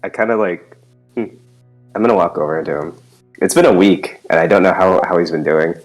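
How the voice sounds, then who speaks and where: An excitable player in casual role-play chat at a tabletop game, talking in halting phrases. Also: deep voice, poor audio. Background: background music.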